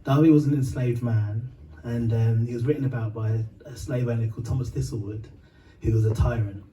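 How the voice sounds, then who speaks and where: A man's voice: mid-range voice, steady tone, a little fast, mellow, far from the mic, a little hiss or hum, low-quality recording. A man from Uganda and Britain telling a long, rambling story between songs, full of fillers, swearing and laughter.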